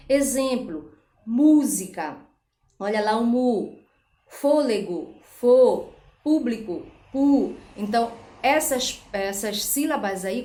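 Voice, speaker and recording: A woman teaching a recorded school lesson, patiently stressing each example syllable and checking in with "tá certo?". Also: mid-range voice. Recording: echoey room.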